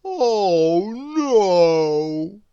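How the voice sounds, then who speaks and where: A woman's voice: medium pitch, sing-song, dark tone, clear, resonant tone, muffled recording. A woman voicing a weary, lazy little storybook man who groans and drags out muddled words in a daze. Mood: dazed groaning. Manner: groaning, drawn-out muddled speech.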